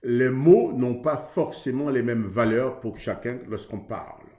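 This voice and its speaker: A man's voice: medium pitch, unhurried, dark tone, reverberant. A man from Haiti preaching earnestly on marriage, in a conversational way that acts out both sides of a couple's exchange. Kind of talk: sermon on marriage.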